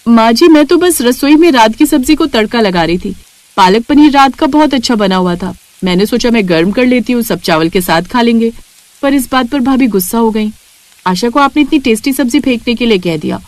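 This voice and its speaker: A woman voicing a gentle but firm young bride in a cartoon, speaking earnestly. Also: fairly high pitch, lively intonation, fairly quick, no room sound, close to an everyday voice.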